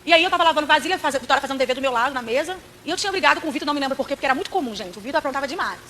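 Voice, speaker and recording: A woman's voice: sits high, expressive, very fast, fairly bright tone, slight background noise. A woman with a Brazilian accent giving a church testimony as a preacher, telling her story dramatically and speaking straight to the congregation.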